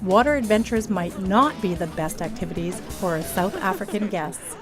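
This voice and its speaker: A woman narrating a travel documentary in a measured, informative voice. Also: mid-range voice. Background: music.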